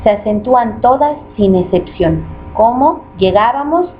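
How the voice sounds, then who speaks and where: A woman reading a grammar lesson aloud in an even, explanatory way. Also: on the high side, a little slow. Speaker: student presenter. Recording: muffled lo-fi recording with faint noise.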